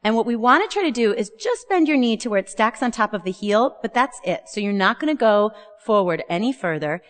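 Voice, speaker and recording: A woman's voice: fairly high pitch, expressive, fairly quick. A woman yoga teacher giving explanatory, step-by-step spoken instruction on a pose. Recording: reverberant hall-like room.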